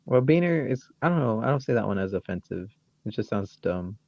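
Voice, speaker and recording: A man's voice: lowish voice, sing-song, a little fast, creaky, darkish tone, dry recording, highs cut off. A man with a Great Lakes Michigan accent chatting casually as a podcast co-host in a goofy, rambling, joking way. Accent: Great Lakes American, Michigan. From Michigan, United States.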